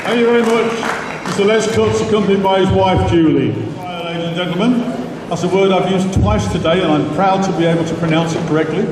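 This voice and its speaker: A man with a fairly high voice makes live introductions as a competition announcer. He sounds distant, with strong echo from a big hall and a crowd around him. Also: fairly even intonation, a little fast, background noise. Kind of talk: live master of ceremonies introductions. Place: large indoor hall. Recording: echoey hall from far off, crowd behind.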